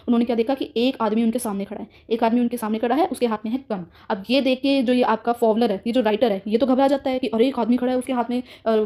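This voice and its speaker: Slow-talking woman teacher, dark tone. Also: fairly high pitch. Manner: explains slowly, addresses students as beta. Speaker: English teacher. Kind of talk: Hindi-English literature lesson.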